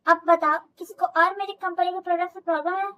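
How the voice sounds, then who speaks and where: A woman voicing a commanding young company boss in a fan audio drama. He barks orders, then turns teasing and pleading with his wife. The voice sits very high. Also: expressive, normal speed, fairly bright tone, lo-fi sound, a little hiss or hum. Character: bossy young male company boss, husband.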